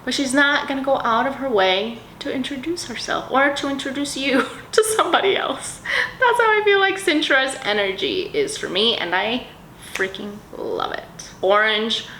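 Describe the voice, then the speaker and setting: A perfume vlogger chats casually, bubbly and rambling, describing scents dreamily with plenty of fillers. Her voice is fairly high-pitched and sharp, and the room echoes with faint ambient noise.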